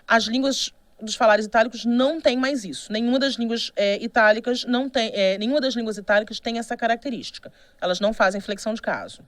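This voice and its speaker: A Brazilian woman with a Brazilian Portuguese accent gives a recorded online university lecture, explaining patiently and checking in with "né?" as she goes, with frequent restarts. Her voice is fairly high and quick with few pauses, and there's no room sound.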